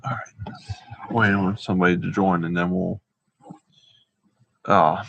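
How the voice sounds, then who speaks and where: A man with a low, creaky, fairly bright voice hosts an unscripted, casual livestream at a measured pace and level tone. He comes across as hesitant, rambling and repetitive, with dull, roomy audio.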